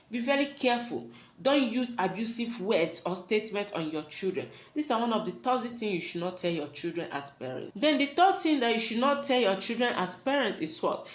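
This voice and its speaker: A woman giving parenting advice, earnest and preachy, asking rhetorical questions and repeating her warnings. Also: mid-range voice. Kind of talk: advice talk to camera. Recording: roomy echo.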